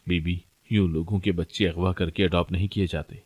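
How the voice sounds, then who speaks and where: A man's voice: deep voice, fairly even intonation, darkish tone, dry recording. A man voicing a stern, sarcastic male police officer in a plain reading voice.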